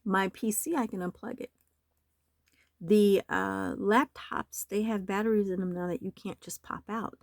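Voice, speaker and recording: A hoarse woman with a slight cold, talking in a rambling, aggrieved and urgent way in a home vlog. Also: medium pitch, unhurried, dry recording. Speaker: nonprofit website owner. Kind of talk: screen-recorded vlog. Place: home in the desert.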